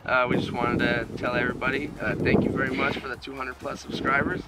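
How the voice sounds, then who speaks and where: A relaxed young man in his twenties talks haltingly, with lots of fillers. He is outdoors by a road, and heavy noise covers the sound. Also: mid-range voice. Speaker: guest. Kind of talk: casual greeting to camera.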